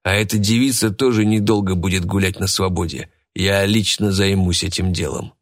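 A man's voice: low-pitched, steady tone, natural voice. Man playing a curt tough detective. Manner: curt, measured. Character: curt middle-aged police detective, hard and unimpressed.

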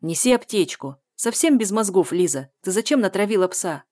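Hot-tempered young man, gruff, commanding, loud, read by a woman. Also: mid-range voice, animated, normal speed, no echo, studio quality, lightly acted. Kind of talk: audiobook character voice.

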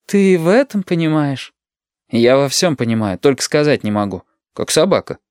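A young son with a soft, earnest, lively voice, gently reassuring his mother, played by a man reading the story. The sound is dry and close. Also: mid-range voice, normal speed, clean tone, no room sound, voice pushed up, lightly acted. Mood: soothing. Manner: soothing, earnest.

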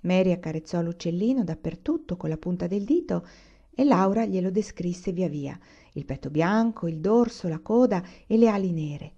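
A woman reads a children's novel aloud, expressive and deliberate. Her voice is mellow and soft-edged. The recording sounds dull and lo-fi. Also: on the low side. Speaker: reader. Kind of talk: storybook read-aloud. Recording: muffled lo-fi recording.

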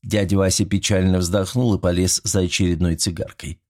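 A man narrating an audiobook in an even, measured way. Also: low-pitched.

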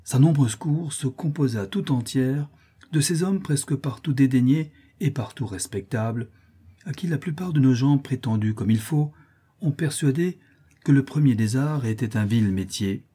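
Dark husky male audiobook reader. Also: mid-range voice, expressive. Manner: measured literary reading. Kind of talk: scripted narration of a classic novel.

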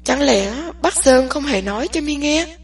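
A woman's voice: high-pitched, lively intonation, unhurried, distant mic, voice pushed up. A woman doing an anxious, pleading young friend. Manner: urgent, pleading, agitated.

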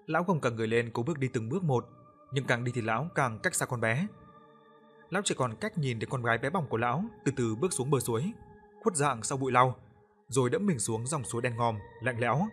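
Brief: male storyteller, measured spooky narration, faint music behind. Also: medium pitch, a bit bright. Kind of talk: scripted ghost-story narration.

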